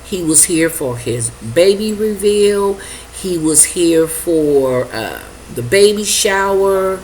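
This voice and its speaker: An older woman telling an emotional personal story, halting and repeating herself as she acts out her own reactions. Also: fairly low pitch, expressive, a little mellow, slight background noise, low-quality recording. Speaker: vlogger sharing a personal testimony.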